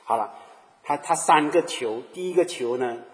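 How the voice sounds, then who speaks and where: A man's voice: fairly high pitch, normal speed. A man preaching a sermon. He keeps asking his listeners questions and briefly acts out the people he talks about. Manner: animated, asks the listeners questions and acts out little quoted scenes. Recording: long reverb of a large hall.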